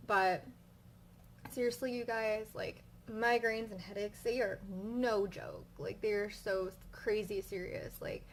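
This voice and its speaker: A young woman with a migraine chats casually to her viewers, rambling and full of fillers. She vents her frustration at a mid pitch. A faint noise sits behind her voice. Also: fairly even intonation, takes it slowly, rough recording. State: suffering a migraine. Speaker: vlogger. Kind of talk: casual storytelling vlog.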